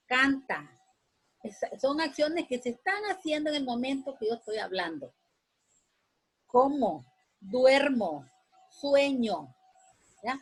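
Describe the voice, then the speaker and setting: A woman's voice: on the high side, slightly rough, rough recording. A woman teaching a sixth-grade lesson, patiently repeating each point and giving instructions to students. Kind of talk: classroom lesson.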